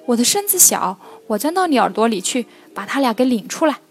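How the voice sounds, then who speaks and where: A woman voicing a tiny young ant who wants to be a hero, in a children's storybook reading, talking high and loud with sobs. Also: very animated, brisk, faint music behind. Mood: eager. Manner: high, loud, sobbing and pleading.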